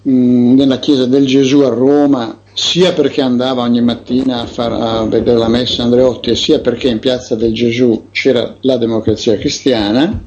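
A man's voice: medium pitch, level tone, normal speed, hardly any pauses, darkish tone, highs cut off, a little hiss or hum. A man, an investigative author, recounting his experiences with indignant emphasis and frequent hesitations.

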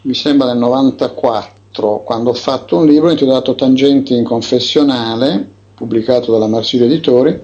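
A man's voice: mid-range voice, fairly quick, warm tone. Indignant man, dull lo-fi recording. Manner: indignant, emphatic; hesitant with frequent fillers. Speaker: investigative author.

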